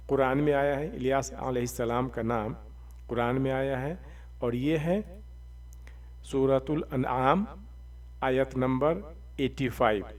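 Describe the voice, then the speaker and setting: Guy teaching a pronunciation lesson, spells letters out slow, mic a bit far off. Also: medium pitch, a little mellow. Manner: slow, deliberate spelling-out of letters and vowel marks. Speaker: religious teacher. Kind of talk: explanatory lesson.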